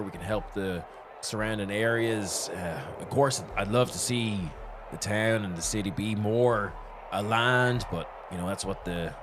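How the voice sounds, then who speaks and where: A plain-spoken band leader, played by a man, keeps his answers careful and diplomatic. His lowish voice stays flat and even in a made-up regional accent, and music plays behind him. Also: natural voice.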